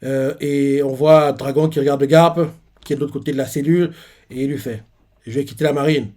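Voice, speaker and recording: A man's voice: mid-range voice, fairly even intonation, moderate pace, dark tone. A man casually retelling a comic chapter in a rambling way, with many fillers. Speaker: manga reaction youtuber.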